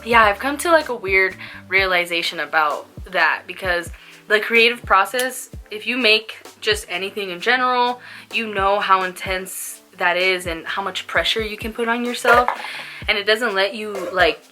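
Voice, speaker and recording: Young female vlogger, bright voice, slangy laid-back stoner chat, music underneath. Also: mid-range voice, moderate pace. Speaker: small YouTube vlogger. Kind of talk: casual smoke-along chat to camera.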